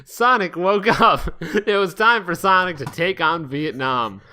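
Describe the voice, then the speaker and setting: A podcast host reads fan fiction aloud in a casual, comedic way, often breaking into laughter and stumbling over words. His high-pitched voice is bright and forceful, and he keeps a measured pace.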